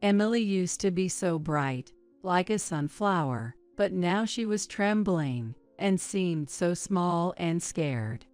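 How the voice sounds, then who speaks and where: A woman narrating a story in a measured, even way. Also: lowish voice, clean tone, faint music behind.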